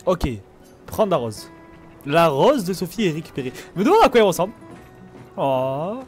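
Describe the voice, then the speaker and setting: A man's voice: on the high side, very animated, moderate pace, faint music behind. A young man from France giving casual, jokey commentary while playing a video game, full of slang and banter. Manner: reads tutorial text aloud. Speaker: gamer streamer. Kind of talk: casual let's play commentary.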